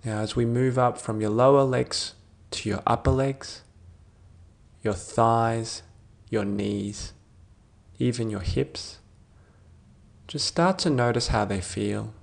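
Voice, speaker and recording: This is a sleep meditation led by a man whose mid-range voice has a creaky quality. He speaks soothingly, as in a sleep story, his gentle lines trailing off into long pauses.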